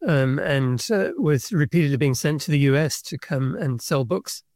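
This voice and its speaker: A middle-aged South African man tells his story in a steady, thoughtful way, pausing to pick his words. His voice sits a little high for a man. The sound is close and dry, with no room around it. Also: no room sound. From Kenya and South Africa. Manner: measured, thoughtful storytelling with pauses. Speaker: guest, book publisher's representative. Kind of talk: conversational podcast interview.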